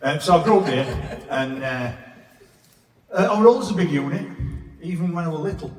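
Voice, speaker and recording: A Sheffield man in his fifties rambles through a blunt, sweary stand-up set. His voice sits at a middling pitch and reaches the recording from a distance, washed in long echoing reverb from the stage mic. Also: lively intonation, moderate pace, a little mellow. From England. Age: 50s. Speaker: stand-up comedian. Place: pub function room. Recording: echoey reverb room from far off.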